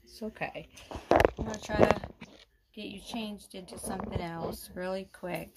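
A woman narrating a doll role-play vlog, fussing and soothing as she talks to her viewers. Her voice sits in a middle range with a lot of vocal fry. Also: mid-range voice, fairly even intonation, moderate pace, very noisy. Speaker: doll vlogger.

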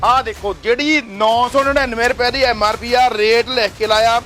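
Man, very high voice, rapid pushy sales pitch, faint noise behind. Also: fairly even intonation, pushed and bright. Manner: pushy, repeats prices in quick lists. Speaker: shop promoter. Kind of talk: fast sales promo video.

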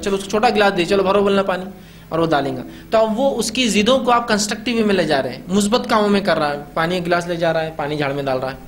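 A man's voice: high-pitched, fairly bright tone, a little hiss or hum. A man giving an informal lecture on parenting, acting out the lines parents say to children. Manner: conversational, acts out parents' scolding lines. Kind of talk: informal talk to an audience.

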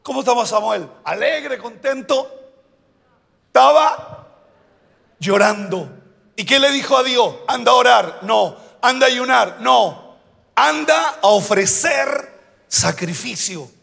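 A male pastor preaching a sermon, asking the congregation questions and shouting out the key words. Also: very high-pitched, expressive, a little slow, vocal fry, big-room sound.

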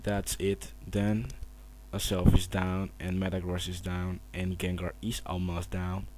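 Speaking in a hushed, low voice with a completely flat delivery, this gamer slowly talks through his own battle in casual commentary. He's at home at night with others asleep, so he keeps quiet, and the camera mic picks up noise and hum.

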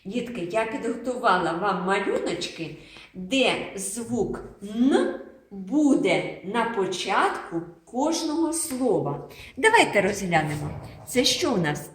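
A woman teaching young children a phonics lesson, slowly sounding out syllables and repeating words for them to copy. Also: medium pitch. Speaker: preschool teacher. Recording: echoey room.

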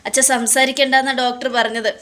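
A woman voicing a caring young daughter who gently pleads with and soothes her sick father. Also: high voice, little pitch movement, fast talker. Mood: pleading.

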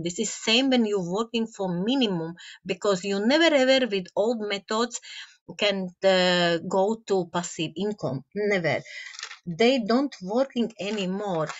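Slow-talking woman with a Latvian accent. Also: medium pitch, dull audio. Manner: halting, non-native English with frequent hesitations and repetitions. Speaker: network marketing team leader, presenter. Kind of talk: informal online business presentation over slides.

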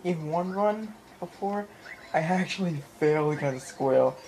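Playing a video game at home, a man with a fairly high, darkish voice talks a little slowly, tossing out offhand reactions and apologetic remarks for his gaming video. A handheld camera or phone mic captures him and the TV screen in a small room. The quality is low, with slight background noise and the game's music audible.

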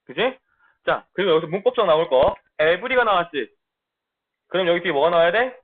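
A man's voice: sits high, lively intonation, a little fast. A man teaching a middle school English lesson to his students, talking in blunt, casual banter and checking in often to make sure they follow. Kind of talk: online lecture. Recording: tinny phone-like sound.

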